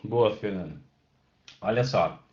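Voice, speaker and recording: A man's voice: lowish voice, slow, heavy background noise. A man teaching a Portuguese class who explains step by step, checks often that students follow and answers them by name. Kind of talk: online class lecture. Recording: roomy, dull lo-fi sound.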